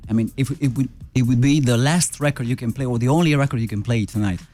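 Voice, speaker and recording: A man from Romania, hosting a radio interview and asking short, halting questions. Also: medium pitch, warm tone, faint music behind. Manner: short questions, halting non-native phrasing. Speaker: radio host. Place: radio studio.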